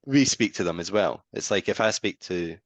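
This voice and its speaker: Deep-voiced man, lively storyteller. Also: moderate pace, dry recording. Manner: animated storyteller, acts out phone calls. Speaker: podcast co-host. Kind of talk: casual podcast conversation.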